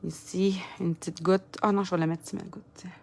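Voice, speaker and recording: A woman's voice: fairly low pitch, level tone, brisk, gravelly, darkish tone, slight background noise. A woman with a Quebec French accent giving a casual crafting tutorial, chatting and muttering to herself as she works. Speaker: papercraft demonstrator.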